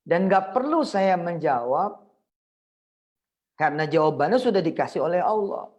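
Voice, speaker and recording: Middle-aged guy preaching over a video call, storytelling, acts out voices, gets loud then drops soft. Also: high voice, moderate pace, highs cut off. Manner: animated storytelling, acting out prayers and parents' scolding. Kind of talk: sermon in a virtual study circle.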